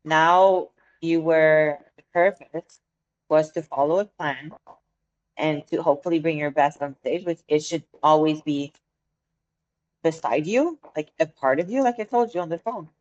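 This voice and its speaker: Woman, French accent, French native speaker, low pitch, muffled lo-fi sound, earnest casual chat. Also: unhurried, darkish tone. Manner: earnest, searching for words, swears casually. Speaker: podcast co-host.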